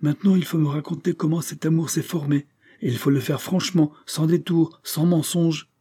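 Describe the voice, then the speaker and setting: A man's voice: mid-range voice, fairly quick, mellow, husky, voice pushed up, natural voice. Man playing a furious, stern father. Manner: angry, demanding.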